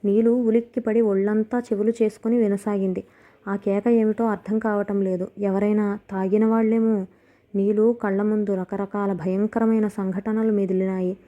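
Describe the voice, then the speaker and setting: A woman's voice: mid-range voice, level tone, normal speed, warm tone. A woman narrating a novel aloud, reading steadily and expressively. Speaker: audiobook narrator. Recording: dull lo-fi recording.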